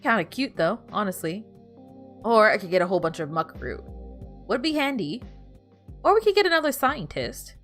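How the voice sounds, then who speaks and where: Her pitch swings widely around a mid-range center, and she moves at a moderate pace with long pauses, her tone fairly bright. She's a Spanish-first-language streamer chatting with viewers over a game, rambling and restarting sentences, with soft music underneath.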